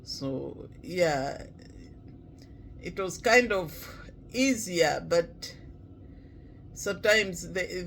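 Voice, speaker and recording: A man from Malawi, talking slowly and reflectively in a casual vlog, with many pauses and fillers. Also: on the high side, a bit bright, slight background noise, rough recording. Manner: halting, many pauses and "you know" fillers, clears throat often. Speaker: vlogger.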